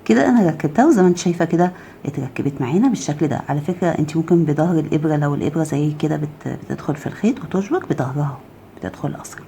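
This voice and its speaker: Egyptian woman, crochet tutor; low, warm, lively delivery, counts stitches, murmurs while working. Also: very fast, vocal fry, slight background noise. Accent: Egyptian Arabic. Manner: counts stitches aloud, keeps asking "okay?"; drops to a soft murmur while handling the work. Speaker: crochet teacher. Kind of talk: step-by-step crafting tutorial.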